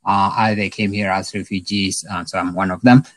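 A middle-aged man from South Sudan, an epidemiologist answering interview questions in a halting way with many fillers and restarts. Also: low voice, steady tone, fairly bright tone, no echo, low-quality recording. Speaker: epidemiologist guest.

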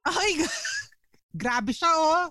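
A woman's voice: very high voice, animated, drawn-out words, pushed and bright, no echo, studio quality. A woman, a doctor and mother, chatting as a guest and playfully scolding the host. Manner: playfully scolding, laughs often. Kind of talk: casual chat.

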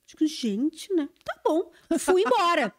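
Woman, high pitch, swooping intonation, casual storytelling podcast guest. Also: slow. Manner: animated storyteller who acts out quoted dialogue.

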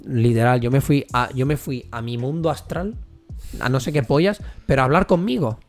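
A man's voice: mid-range voice, normal speed, faint music behind. A man chatting candidly on a podcast, swearing often and restarting his sentences as he goes. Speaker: podcast co-host. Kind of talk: casual podcast chat.

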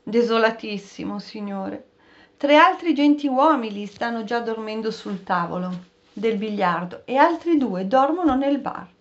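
A man's voice: high-pitched, expressive, measured pace, highs cut off. A woman voicing a courteous, apologetic male innkeeper in an audiobook reading.

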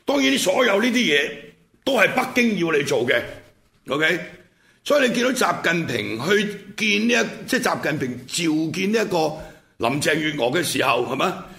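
A man's voice: fairly high pitch, very animated, normal speed, gravelly, bright, forceful tone. A man with a Hong Kong Cantonese accent hosts an unscripted political commentary, speaking in blunt colloquial language and punctuating points with rhetorical check-in questions. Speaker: commentary show host.

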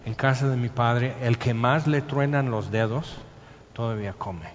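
A man preaching a sermon, telling the story lively and acting out scenes and sounds. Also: mid-range voice, a little slow. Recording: muffled sound in a reverberant hall with faint noise.

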